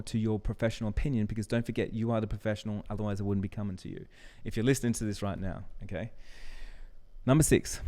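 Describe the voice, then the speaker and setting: A man's voice: fairly low pitch, dark tone, in a large hall. A man in his thirties, a business coach talking casually with lots of fillers and acting out client exchanges. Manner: loose and chatty, many fillers, acts out client dialogue. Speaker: business coach and podcast host.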